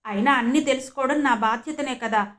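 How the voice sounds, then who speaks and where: A woman's voice: high-pitched, a little fast, a bit bright. A woman voicing an earnest young wife who apologizes with regret, in an audiobook reading. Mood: remorseful.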